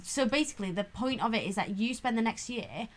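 Her voice leans high and brisk. She's a podcast co-host in her twenties, keeping the talk casual and chatty, laughing frequently and saying "like" over and over.

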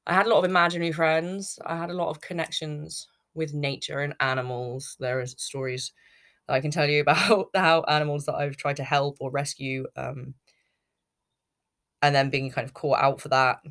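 A woman's voice: low-pitched, fairly even intonation, normal speed, fairly bright tone. British woman in her 30s, podcast host, chatty n rambly, just telling stories off the cuff. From United Kingdom. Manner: rambling, chatty, self-interrupting. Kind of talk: casual unscripted personal storytelling.

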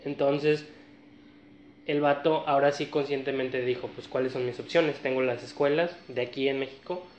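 A man's voice: medium pitch, normal speed, a little hiss or hum. Northern Mexican man telling a story. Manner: relaxed, slangy storytelling with many fillers. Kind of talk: casual storytelling chat. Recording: echoey room, slightly dull sound.

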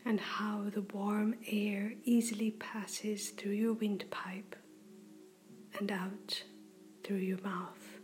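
A woman guides a breathing meditation in a soft whisper. She talks very slowly and gently, at a middling pitch. Faint music plays behind her. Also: level tone. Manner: slow, gentle and soothing.

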